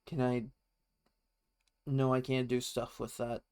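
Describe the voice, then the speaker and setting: A man's voice: medium pitch, monotone, slow pace, a little mellow, clear, resonant tone. A man streaming a horror game, giving wry, playful casual commentary and reading bits of on-screen text aloud to himself.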